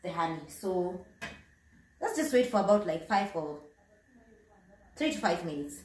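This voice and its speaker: A woman's voice: lowish voice, sing-song, unhurried, a little mellow, reverberant. A young woman hosting a casual home cooking vlog, chatting through the steps and slipping Swahili words into her English. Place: home kitchen, indoors.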